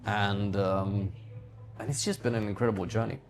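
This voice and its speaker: Here a guest from Hungary, a digital entrepreneur behind a book publishing company, chats about his own life and work while answering questions. His voice is fairly low, his tone steady, and his pace moderate.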